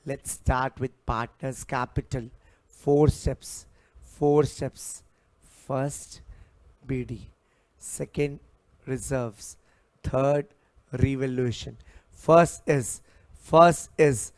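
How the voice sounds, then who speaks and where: A man teaching an accounting lecture, mixing Hindi and English, drawing out and repeating key terms to drill his students. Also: mid-range voice. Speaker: commerce teacher.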